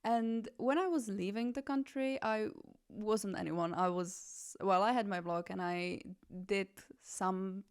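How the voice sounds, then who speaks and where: A Czech woman in her twenties, a fashion journalist hosting a podcast, talking casually in a chatty, animated way with many self-corrections. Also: medium pitch, slow pace, clean tone. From Czech Republic.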